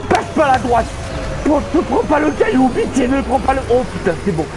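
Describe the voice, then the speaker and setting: A man giving excitable let's play commentary, panicking and swearing at the game while he plays. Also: very high voice, moderate pace, music in the background. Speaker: gamer streaming a playthrough. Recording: game noise behind the voice.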